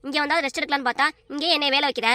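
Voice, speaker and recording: A woman voicing a sharp-tongued cartoon mother who nags and scolds her family nonstop. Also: high voice, steady tone, no room sound, clean studio sound. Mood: scolding. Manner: nagging, rapid-fire scolding. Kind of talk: cartoon dub acting.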